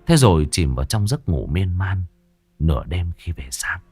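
A man's voice: low voice, big pitch swings, moderate pace, darkish tone, slightly rough, no echo. A man narrating a horror story in a grave, dramatic way, dwelling on gruesome detail. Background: faint background music.

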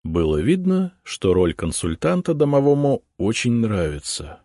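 A man narrating a first-person fantasy audiobook in a steady storytelling manner. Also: medium pitch, unhurried, no echo, studio quality.

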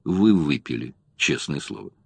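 A man's voice: rumbling low, animated, measured pace, vocal fry, husky, no echo, pitched below the performer's own voice, exaggerated voice. A male narrator voicing a cocky secret agent who talks in a wry, mocking way.

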